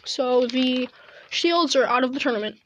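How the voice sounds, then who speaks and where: High-voiced woman rambling over gameplay. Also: moderate pace, lo-fi sound, a little hiss or hum. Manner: rambling, hesitant, many restarts. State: chewing gum. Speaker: gaming video host. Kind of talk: casual gameplay commentary. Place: at home. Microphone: earbud headset mic.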